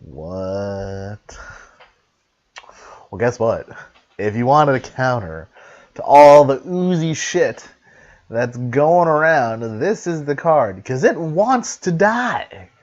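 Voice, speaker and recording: A man giving a casual card game review, chatty and animated, who swears freely. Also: on the high side, slow. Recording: dull lo-fi mic.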